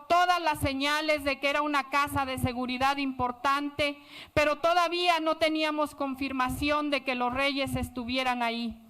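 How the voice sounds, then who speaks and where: Woman reading a first-person story, serious, steady, really high voice. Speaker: narrator. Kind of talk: scripted first-person narration.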